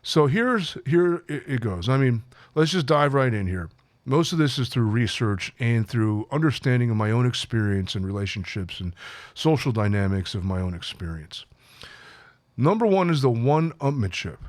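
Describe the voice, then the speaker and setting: Here a man with an expressive mid-range voice speaks at a normal speed, with no echo in the audio. He's a life coach addressing viewers directly in a casual, reflective solo talk, full of fillers and restarts.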